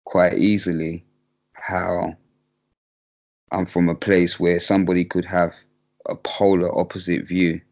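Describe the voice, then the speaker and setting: Low-voiced man, interview guest, hesitant delivery full of fillers and restarts. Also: little pitch movement, a little mellow. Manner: hesitant, halting, many fillers. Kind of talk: candid interview talk.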